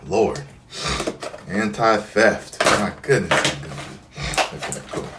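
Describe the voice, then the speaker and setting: Chatting through an unboxing video in a playful, slangy, exclamatory manner, the male host speaks slowly with a fairly low pitch. He is off-mic and distant, leaving a roomy sound and a bit of faint noise.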